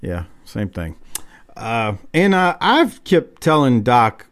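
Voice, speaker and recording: A man's voice: mid-range voice, big pitch swings, takes it slowly. A man hosting a podcast, chatting casually and bluntly through a wrestling recap with some swearing. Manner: profane, blunt. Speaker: podcast host.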